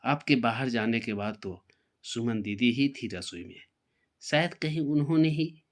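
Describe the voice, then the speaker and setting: A man's voice: medium pitch, unhurried, natural voice. A man voicing a scheming, greedy young woman in a spoken story, talking slyly and gloating. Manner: sly, gloating.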